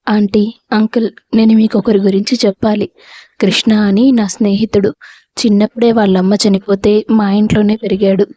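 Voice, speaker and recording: A woman's voice: medium pitch, level tone, moderate pace, warm tone, no room sound, lightly acted. A woman voicing a lovesick young woman who hides her feelings and pleads earnestly for her friend.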